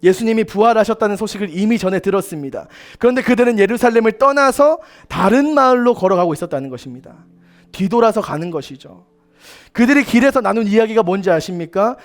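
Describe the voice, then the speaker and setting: A man preaching a sermon at a church service, earnest, putting rhetorical questions straight to his listeners. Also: sits high. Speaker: youth ministry preacher.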